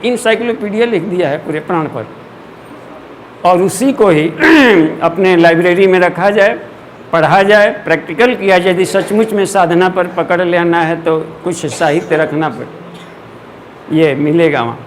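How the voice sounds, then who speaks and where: A man lectures on spiritual practice in an earnest, explanatory way, pausing now and then to clear his throat. His voice sits high for a man. A faint background hiss runs under the talk. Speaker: spiritual teacher. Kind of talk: devotional lecture.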